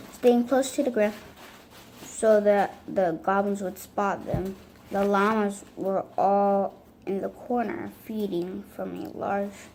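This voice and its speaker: A woman reading a children's book aloud, halting now and then over misread words. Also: medium pitch, darkish tone, slight background noise, low-quality recording. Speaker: reader.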